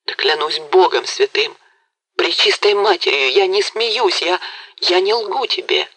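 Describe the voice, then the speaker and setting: A woman's voice: on the low side, expressive, a little slow, fairly bright tone, no echo, poor audio. A woman voicing a passionate young man who speaks fervently and makes vows in an audiobook. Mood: ardent. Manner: fervent, vowing. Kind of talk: audiobook character reading.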